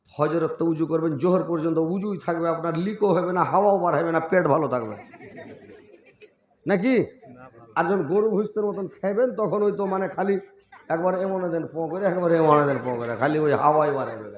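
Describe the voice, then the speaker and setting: A man delivers a waz sermon in a high, ringing voice. He shifts from loud exhortation to low, mocking asides. The sound echoes through a large space. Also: brisk. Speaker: preacher.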